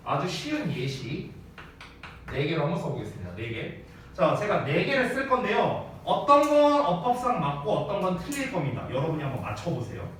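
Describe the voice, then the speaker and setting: A male teacher gives a grammar lecture in a very echoey classroom, his voice caught from some distance away. He speaks with a somewhat high, very animated pitch. His manner is casual and playful, and he slips between polite and informal speech. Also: slight background noise. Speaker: English teacher. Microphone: wearing a mask, mic some distance away. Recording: very echoey room, voice off-mic with faint ambience.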